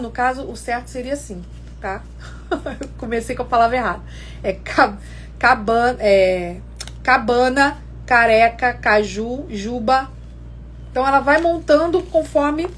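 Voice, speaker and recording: A woman's voice: sits high, a little hiss or hum. A woman explaining literacy games step by step in a casual live lesson, often checking in with viewers. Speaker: educator teaching literacy games.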